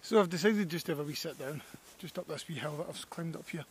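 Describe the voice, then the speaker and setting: A man's voice: a little high, quick pace, faint music behind. Scottish man vlogging on a hilltop. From Scotland. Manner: enthusiastic, reflective, talks to camera while walking. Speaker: landscape photographer vlogger. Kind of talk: outdoor walking vlog. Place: hillside outdoors in snowy weather.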